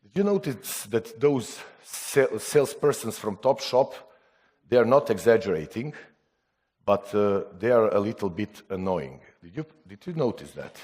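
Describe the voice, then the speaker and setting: A man from Serbia speaking non-native English at a conference, halting with restarts and putting rhetorical questions to the audience. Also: lowish voice, expressive, darkish tone. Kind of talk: conference talk.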